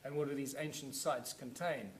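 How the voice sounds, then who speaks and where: A man's voice: mid-range voice, steady tone, moderate pace, roomy sound, slight background noise, rough recording. A man giving a lecture with a hands-on demonstration, explaining in a loose, rambling way with fillers and restarts.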